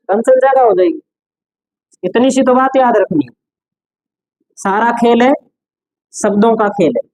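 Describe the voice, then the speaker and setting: Male teacher dictating notes slowly. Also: very high voice, a little mellow, no echo, low-quality recording. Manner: repeats key phrases slowly for note-taking. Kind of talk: classroom lecture dictating notes.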